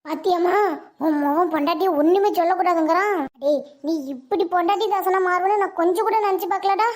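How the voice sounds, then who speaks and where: Woman doing a super high-pitched angry cartoon mom, nagging and accusing. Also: fairly even intonation, quick pace, darkish tone. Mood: scolding. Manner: scolding, accusing. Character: angry aging mother, bitter toward her son. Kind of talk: Tamil cartoon voice acting.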